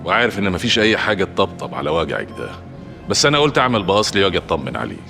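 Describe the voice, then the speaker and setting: An actor playing a gruff strongman speaking firmly to a grieving rival in an Egyptian TV drama, with an Egyptian accent. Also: low-pitched, sing-song, racing, over music, exaggerated voice. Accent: Egyptian Arabic.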